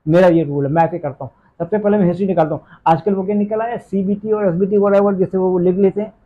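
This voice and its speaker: High-voiced man teaching in an interview. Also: steady tone, fast, muffled recording. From Pakistan. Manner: emphatic, mixes in English phrases, asks "theek hai?". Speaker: English teacher and guest. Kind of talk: interview answers.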